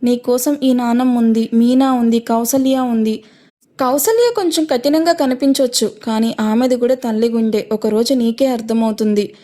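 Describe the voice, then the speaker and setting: A woman voicing an affectionate elderly grandmother in an audio story, gently coaxing. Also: a little high, moderate pace, close to an everyday voice. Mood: tender.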